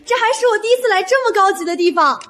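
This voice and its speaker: A woman's voice: fairly high pitch, lively intonation, brisk, mellow, breathy edge. An actress playing a young woman whose once-rich family has betrayed her, speaking in a tearful, pleading way. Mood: excited. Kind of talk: short drama acting.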